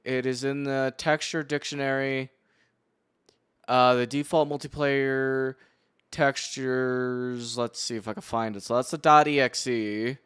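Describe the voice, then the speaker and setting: During a casual stream, a young man mutters and curses his way through a task. His voice is mid-range, clear, and resonant with a fairly bright tone, and he speaks a bit slowly with fairly even intonation.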